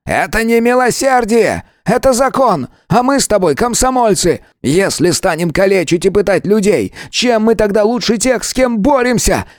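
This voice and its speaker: A man doing a high, heated young detective. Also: sing-song, normal speed, no echo, clean studio sound. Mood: outraged. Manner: shouting high and pleading. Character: young male detective, earnest, idealistic, passionate.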